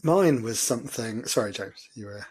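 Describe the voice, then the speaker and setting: A man's voice: mid-range voice, expressive, moderate pace, darkish tone, husky. A man co-hosting a gaming podcast, chatting casually with a self-deprecating, rambling manner. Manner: chatty, self-deprecating, many fillers and laughs. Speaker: podcast co-host. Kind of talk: casual chat.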